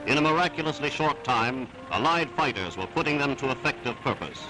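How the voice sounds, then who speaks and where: A man's voice: mid-range voice, lively intonation, fairly quick, poor audio. A man narrating an old wartime newsreel in an emphatic, declamatory style. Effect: old newsreel recording. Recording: newsreel narration over loud music. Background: music.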